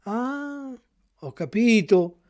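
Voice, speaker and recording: A man voicing an unhurried, placid snail who speaks slowly and calmly. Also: very high-pitched, pitched above the performer's own voice, full character voice. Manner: slow, placid, drawn-out. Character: slow, calm old snail, unhurried.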